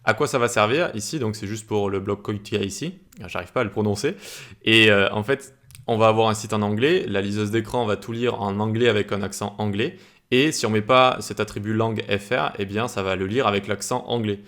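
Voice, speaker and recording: A man's voice: lowish voice, fairly quick, fairly bright tone. A man teaching web development in a screencast tutorial, informal, with many fillers and restarts.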